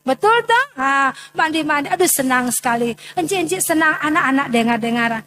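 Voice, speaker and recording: A woman's voice: high-pitched, animated, fairly quick, bright, forceful tone. A woman with a Manado Malay accent telling a Bible story to Sunday school children, asking them questions and answering them herself.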